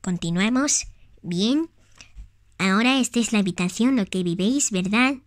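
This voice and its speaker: A woman voicing a calm, motherly adult woman in a slow, soothing, lowered voice, in a homemade toy play. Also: dry recording, clean studio sound, lightly acted. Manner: slow, soothing, low-pitched put-on voice.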